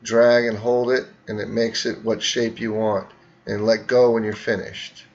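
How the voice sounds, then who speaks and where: A man's voice: on the low side, flat delivery, a little slow, dull audio. A man teaching students, narrating a screen tutorial and talking through each click step by step.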